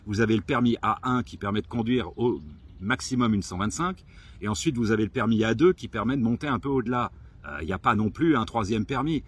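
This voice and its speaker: A man telling a story to camera in a casual vlog, lively and swearing, acting out the people he quotes. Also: lowish voice, brisk, husky. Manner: animated, swearing, acts out quoted exchanges. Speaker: vlogger.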